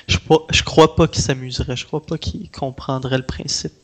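Man with a Québécois French accent, mid pitch. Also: steady tone, normal speed, a bit bright. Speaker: interviewee, independent game developer. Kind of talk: casual conversation.

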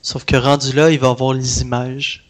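A man's voice: medium pitch, little pitch movement, moderate pace. A man with a Québécois French accent, talking casually as an interviewee about his own work. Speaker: interviewee, independent game developer. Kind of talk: casual conversation.

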